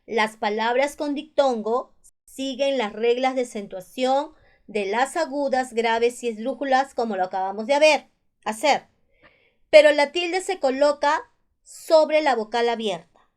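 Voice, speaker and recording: A woman's voice: high voice, measured pace. A woman teacher with a Peruvian Spanish accent, patiently explaining spelling rules and repeating each one. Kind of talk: spelling lesson explained over slides.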